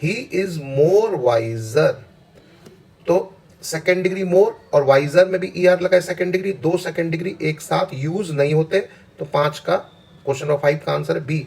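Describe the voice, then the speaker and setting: Gravelly man teaching slowly. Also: a little high, steady tone, darkish tone, low-quality recording. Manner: slow deliberate explaining with pauses. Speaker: English teacher. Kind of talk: exam practice lesson.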